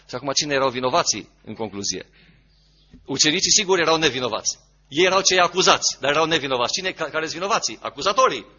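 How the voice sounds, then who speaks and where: A male preacher with a high, sharp voice and a husky edge delivers an emphatic sermon. He hammers key phrases again and again and keeps asking his listeners rhetorical questions. The recording sounds dull and lo-fi.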